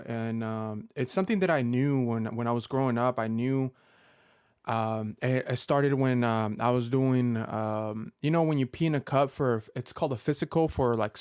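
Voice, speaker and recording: A Pokemon content creator in his thirties gives a personal vlog update directly to his viewers, halting often with many fillers and restarts. His smooth, resonant voice is at an ordinary pitch and a little mellow, recorded close up and dry with no room sound.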